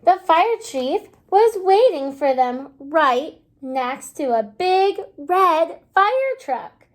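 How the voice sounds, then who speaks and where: Very high-pitched, expressive woman teacher reading aloud. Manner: expressive, prompting listeners with questions and pauses. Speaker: kindergarten teacher. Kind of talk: children's read-aloud lesson with questions.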